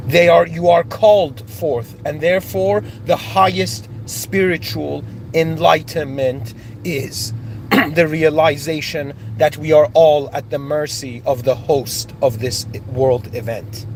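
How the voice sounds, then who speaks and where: A man's voice: fairly high pitch, fairly even intonation, slow pace, a little mellow, slight background noise. A man born in Iran and raised in Canada, giving an impassioned, searching spiritual monologue with many restarts and rising outbursts. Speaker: spiritual speaker.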